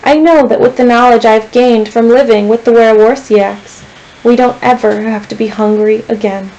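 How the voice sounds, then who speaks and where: A woman, a teacher, reading a novel aloud to her class in a steady storytelling voice. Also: a little high, moderate pace, lo-fi sound.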